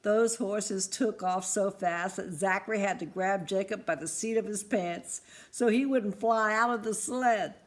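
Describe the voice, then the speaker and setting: A woman reading a storybook aloud in an expressive, lively way. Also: mid-range voice, a little slow, hardly any pauses.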